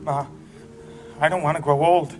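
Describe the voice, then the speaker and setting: A man's voice: on the high side, steady tone, normal speed, noisy background, close to an everyday voice. A man playing a nervous young groom. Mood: pleading. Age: young adult. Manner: pleading and earnest. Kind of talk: 1940s film acting.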